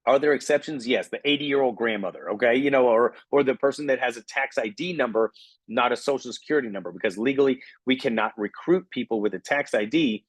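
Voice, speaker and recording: A middle-aged man giving an energetic coaching talk on recruiting, often checking in with "okay?". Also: mid-range voice, fast, slightly rough, dry recording. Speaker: recruiting trainer. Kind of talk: motivational training talk.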